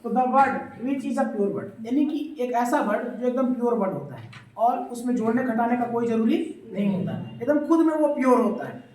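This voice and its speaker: A woman's voice: on the high side, expressive, moderate pace, hardly any pauses, warm tone. A woman teaching a classroom grammar lesson, mixing Hindi and English, asking her class questions and repeating the answers. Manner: mixes Hindi and English phrases; scolds noisy students. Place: classroom with students. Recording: echoey room, voice from far off.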